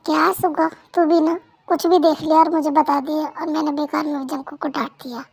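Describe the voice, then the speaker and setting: A woman's voice: high-pitched, little pitch movement, brisk, creaky, darkish tone. A woman voicing a stern elder brother who scolds and lectures the family, in a Hindi fan dub. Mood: annoyed.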